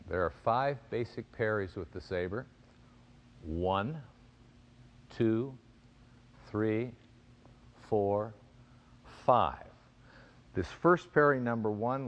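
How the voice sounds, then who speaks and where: A man giving an instructional fencing demonstration, explaining in a measured way and calling out crisp, clipped commands as an instructor. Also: lowish voice, lo-fi sound. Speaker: fencing and self-defense instructor.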